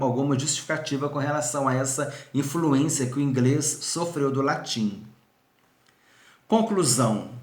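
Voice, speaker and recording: A man's voice: on the high side, reverberant. A man teaching a recorded seminary video lesson, explaining patiently, repeating points and speaking straight to the viewer. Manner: addresses viewer directly.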